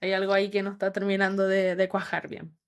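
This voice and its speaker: Woman, Chilean accent, psychologist guest, reflective podcast talk, medium pitch. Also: completely flat delivery, fast, smooth. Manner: reflective, explains with many asides. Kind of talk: casual podcast conversation.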